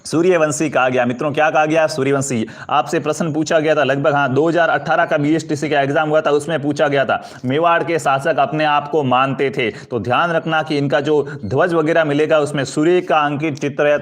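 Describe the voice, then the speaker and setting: A man teaching an exam-prep history lesson, asking questions and answering them himself while calling his students friends. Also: on the high side. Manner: addresses students as friends, asks for comments and likes.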